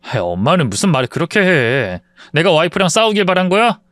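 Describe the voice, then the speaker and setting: A man voicing a curt, impatient young married son in a spoken story, with a lively, rising and falling delivery. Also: on the high side, brisk, dry recording. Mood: irritated. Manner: snappish, impatient.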